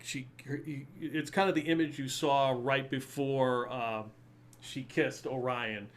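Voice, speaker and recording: A man's voice: medium pitch, fairly bright tone. Rambling man running a tabletop game. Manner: rambling, full of fillers and little laughs. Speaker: game master.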